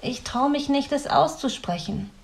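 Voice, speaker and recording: A woman's voice: high voice, moderate pace, voice pushed up. A woman voicing a fretful, grumpy young man in training who grumbles and sulks. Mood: sulky, fretful. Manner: sulky, grumbling.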